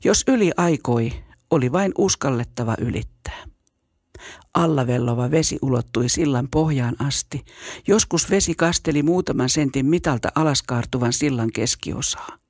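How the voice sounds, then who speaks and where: A storyteller reading a children's story aloud in a steady, measured way. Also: medium pitch, no echo, clean studio sound. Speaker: narrator.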